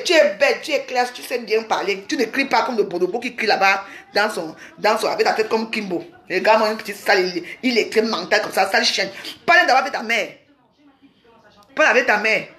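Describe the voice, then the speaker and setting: A woman's voice: medium pitch, fast talker, a bit bright. A woman from Cameroon, ranting angrily on a home live stream, scolding and repeating herself. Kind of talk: angry live-stream rant. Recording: roomy echo.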